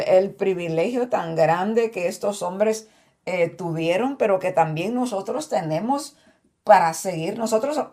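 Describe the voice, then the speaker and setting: A woman co-hosting a Bible study program, talking animatedly and acting out the voices she quotes. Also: medium pitch. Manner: animated, acts out quoted voices, laughs often. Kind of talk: conversational Bible teaching.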